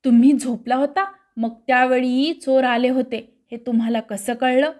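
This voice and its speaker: A woman reading the part of a brisk, bossy young male police inspector who questions everyone sharply. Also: high voice, steady tone, darkish tone, lightly acted. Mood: stern.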